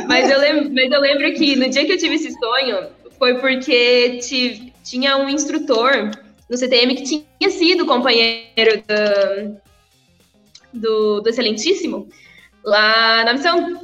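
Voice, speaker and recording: A young woman who used to be a missionary chats casually in an interview, often laughing between phrases. Her voice is high-pitched and fairly bright. The echoey room gives a dull sound, with faint music in the background.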